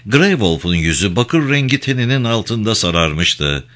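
A man narrating an audiobook with a dramatic, expressive reading. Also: on the low side, a little slow. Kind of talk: scripted narration.

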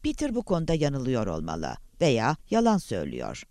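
A man's voice: medium pitch, wildly swooping pitch, a little fast, a little mellow, no room sound, clean studio sound. A man reading an audiobook voices a bewildered, alarmed male professor who answers defensively. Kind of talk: audiobook character voice.

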